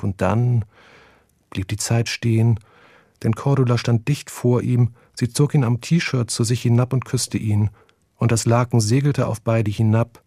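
Warm, husky male storyteller. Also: mid-range voice, dry recording, clean studio sound. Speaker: narrator. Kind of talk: reading fiction aloud.

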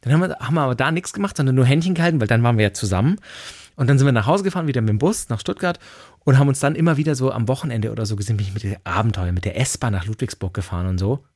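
Man, 30s, quick and lively co-host, acts out quotes, dry close sound. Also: medium pitch, dry recording. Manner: animated, acts out quoted dialogue. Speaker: podcast co-host. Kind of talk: casual chat.

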